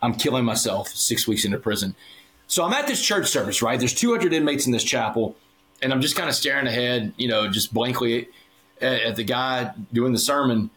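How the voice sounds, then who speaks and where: As a guest on a podcast, a man with a mid-range, expressive and slightly bright voice tells his story fairly quickly and in earnest. In this conversational interview he acts out the dialogue he quotes and addresses the host by name.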